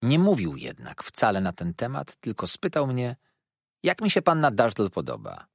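A man narrating a classic novel as an audiobook, in an expressive, storytelling manner. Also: mid-range voice, moderate pace, slightly rough, no echo, clean studio sound. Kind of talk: scripted narration.

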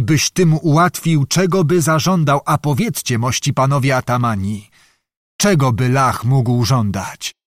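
Male reader doing a stern Cossack hetman, weighty and deliberate, storybook. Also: a little high, no room sound, clean studio sound. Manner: slow, grave and accusing. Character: stern aged Cossack hetman passing judgment.

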